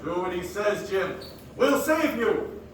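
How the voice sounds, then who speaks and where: A man's voice: high-pitched, very animated, slow pace, exaggerated voice. A man playing a stern ship's officer in a live stage play, with clipped, formal reports. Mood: steady. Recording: echoey hall from far off, faint background noise.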